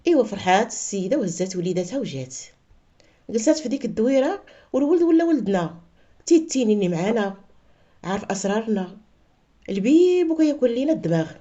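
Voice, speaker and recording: A Moroccan woman narrates a story quickly, with a high, lively voice that rises and falls a lot. Her tone is mellow rather than bright. The recording sounds slightly muffled. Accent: Moroccan Arabic.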